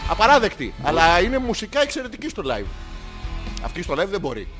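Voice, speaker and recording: Lively high-voiced Greek man joking. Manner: joking, laughing, swearing often. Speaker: podcast co-host. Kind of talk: casual banter. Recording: music playing behind.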